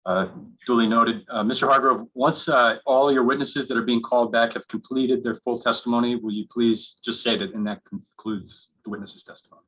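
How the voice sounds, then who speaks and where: A man acting as hearings officer, calling on counsel and swearing in a witness in a halting way with many fillers, heard through a dull lo-fi hearing recording. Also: medium pitch, steady tone, bright, forceful tone, breathy edge. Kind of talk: formal proceeding moderation. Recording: dull lo-fi remote hearing audio.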